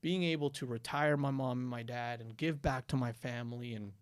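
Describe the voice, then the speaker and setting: With a mid-range, slightly fast voice and a clean tone free of room sound, a young podcast guest from Ecuador spins lively, casual stories. He says "dude" and "like" constantly and often restarts his sentences.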